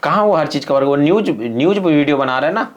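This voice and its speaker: A man's voice: on the high side, lively intonation, fast talker, highs cut off. A man giving earnest, rustic advice in a casual podcast interview. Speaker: YouTube creator guest.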